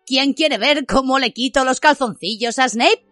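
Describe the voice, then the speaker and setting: A woman's voice: high voice, normal speed, a bit bright, dry recording, faint music behind, voice pushed up. A woman voicing an arrogant, show-off teenage wizard boy with a swaggering, taunting delivery.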